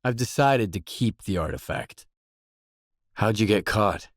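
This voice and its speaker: A man voices the hero of a video game, a matter-of-fact mercenary stalker, delivering terse, businesslike dialogue lines in a guarded mood. His voice is lowish with lively intonation and a measured pace. The studio-quality recording is dry.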